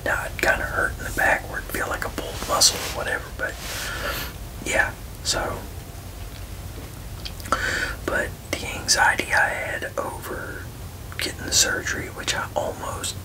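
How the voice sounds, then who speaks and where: A person whispering a casual ASMR ramble, halting and frank, with folksy turns of phrase. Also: recorded from a distance, rough recording. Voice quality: unvoiced, breathy whisper with creaky edges. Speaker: ASMR video creator.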